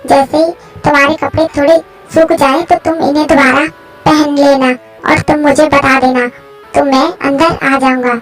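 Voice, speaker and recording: Woman doing a worried young man, fan story voice, pleading, fretful, high-pitched. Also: little pitch movement, moderate pace, soft background music, natural voice. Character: anxious protective young man.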